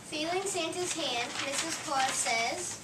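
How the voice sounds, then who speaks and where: A woman reads the stage directions of a play in a plain, steady way. Her high voice sounds distant in an echoey room, with noise behind it. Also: takes it slowly. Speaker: narrator.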